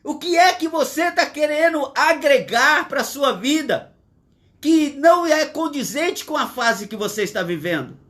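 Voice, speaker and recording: A man's voice: extremely high pitch, lively intonation, a little slow, fairly bright tone. A man in his sixties with a Brazilian Portuguese accent, preaching a livestreamed sermon from his home in an earnest, emphatic way, repeating his points. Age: 60s. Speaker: pastor.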